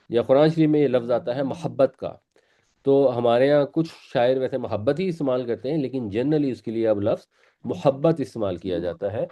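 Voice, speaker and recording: A man's voice: medium pitch, warm tone. A man teaching a Quran class, patiently explaining pronunciation and repeating words for his students. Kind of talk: classroom lesson.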